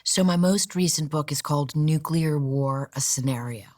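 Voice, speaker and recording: Deep-voiced woman, grave and earnest. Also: moderate pace, darkish tone, dry recording, studio quality. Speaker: author and journalist guest. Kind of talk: interview answers.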